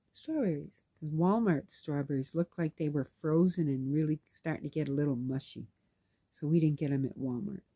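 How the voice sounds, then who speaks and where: Woman, casual storytelling, dark mellow tone, slightly husky, dry close sound. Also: deep voice, no room sound, muffled recording. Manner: chatty, animated, acts out dialogue. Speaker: knitting vlogger and caregiver.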